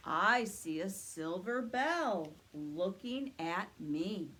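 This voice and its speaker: Woman playing a slow, jolly storybook Santa. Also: mid-range voice, animated, fairly bright tone. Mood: jolly, chanting. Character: jolly Santa Claus, slow chanting storybook old man.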